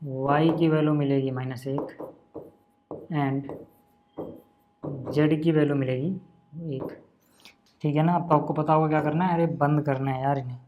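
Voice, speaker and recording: A man teaches maths in a relaxed, chatty way. He thinks aloud as he works through each sum and talks to his students like old friends, which keeps the lesson informal. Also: on the high side, unhurried, pauses often, narrow, tinny audio, a little hiss or hum. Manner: thinks aloud while working through sums. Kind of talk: casual screen-share lesson.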